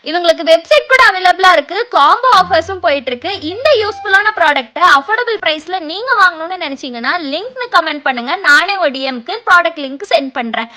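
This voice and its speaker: A woman with a Tamil Nadu accent giving a chatty product pitch straight to her viewers. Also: expressive, fast, hardly any pauses, sharp tone. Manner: chatty, direct address to viewers. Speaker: product promoter.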